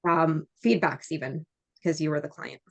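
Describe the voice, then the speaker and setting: Casual, mid-pitched hypnosis trainer reviewing practice. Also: moderate pace, creaky. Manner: animated retelling, peppered with "like" and "right?".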